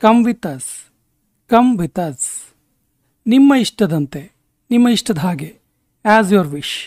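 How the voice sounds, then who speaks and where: A man teaching spoken English, saying each short sentence twice in a slow, deliberate way. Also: high-pitched, expressive, darkish tone, no echo, clean studio sound. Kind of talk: spoken language lesson.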